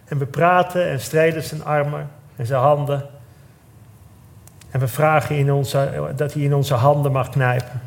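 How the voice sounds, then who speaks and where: A man on a theatre stage telling a personal story in an emotional, halting way, often breaking off and starting again. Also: a little high, fairly even intonation, creaky. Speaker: guest storyteller. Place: theatre stage before a live audience.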